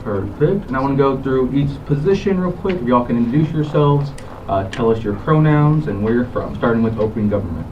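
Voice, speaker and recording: A young man chairs a student debate in a friendly, brisk manner. He sounds distant from the microphone. The audio is muffled and dull, and room noise is clearly audible. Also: mid-range voice, lively intonation. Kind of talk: formal introductions at a student debate.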